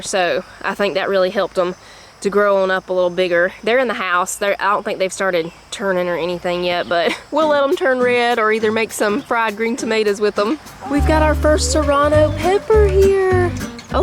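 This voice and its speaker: A woman with a Southern US accent, chatting homily through her garden and kitchen in a casual vlog, laughing easily as she goes. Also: mid-range voice. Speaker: home cook and gardener, channel host.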